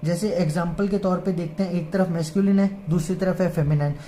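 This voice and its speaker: A woman's voice: fairly low pitch, fairly even intonation, mellow, slight background noise. A woman teaching grammar in Hindi, patient, often checking in with her listeners. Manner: patient, repeats "ठीक है" and "है ना" often; reads English lines slowly, word by word. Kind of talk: explaining an English grammar lesson in Hindi.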